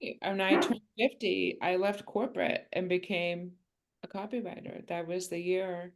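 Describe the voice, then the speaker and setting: A woman's voice: lowish voice, fairly even intonation, moderate pace, gravelly, low-quality recording. A woman in her fifties, an author guest on a podcast, chatting casually with a self-mocking sense of humor and rambling asides. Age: 50s.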